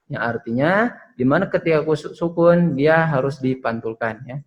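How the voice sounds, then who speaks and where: A man's voice: on the high side, lively intonation, normal speed, lo-fi sound. A male Quran recitation teacher explaining letter pronunciation patiently, demonstrating sounds and tagging phrases with "ya". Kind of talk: online Quran pronunciation lesson.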